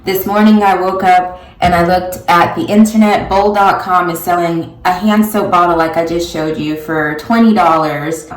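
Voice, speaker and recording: A woman's voice: fairly low pitch, steady tone, normal speed, few pauses, reverberant, poor audio. A woman recording a casual video diary on her phone while out walking, talking in a chatty, informal way. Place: outdoors on a walk.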